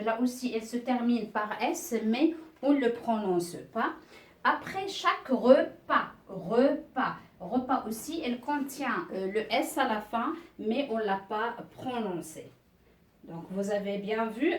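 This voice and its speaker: Casting note: woman teacher, higher voice, slow patient explaining, heard from a distance in an echoey room. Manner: slow, patient explaining with many "euh" and "regardez". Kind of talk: beginner French reading lesson.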